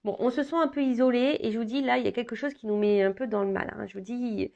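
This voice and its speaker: Woman tarot reader talking casually to viewers, halting delivery full of fillers, slightly muffled recording. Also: a little high, steady tone, vocal fry, warm tone. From France. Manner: hesitant, many fillers and restarts.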